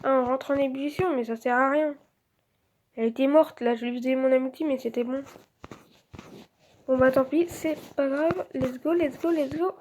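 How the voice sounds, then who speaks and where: A woman's voice: high voice, steady tone, normal speed, long pauses, a little mellow, slight background noise. A woman giving casual let's-play commentary, chatty and thinking aloud with lots of filler words.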